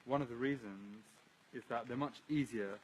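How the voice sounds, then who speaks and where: A man's voice: medium pitch, normal speed, a little hiss or hum, poor audio. A man born in London to a Syrian family, earnestly explaining old ruined buildings outdoors as he walks a livestream through them, often repeating words. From British Syrian, born in London. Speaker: local guide. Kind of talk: casual walking chat on a livestream.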